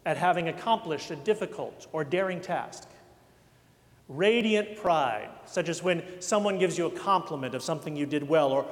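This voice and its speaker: Conversational pastor in a church hall. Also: male voice, on the high side. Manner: warm, conversational, anecdotal preaching. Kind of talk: sermon. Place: church sanctuary. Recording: long church hall reverb.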